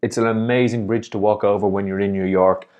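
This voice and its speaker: A man with a lowish, steady, somewhat dark voice speaks briskly, the highs cut off in the audio. He's a life and business coach hosting a motivational video, smiling as he talks in an upbeat, encouraging way.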